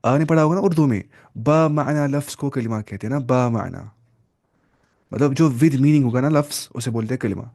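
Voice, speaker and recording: This online Arabic grammar teacher has a mid-range, somewhat dark voice. He moves through the material one step at a time, asking the class questions he then answers, mixing in English terminology and pronouncing Arabic words slowly.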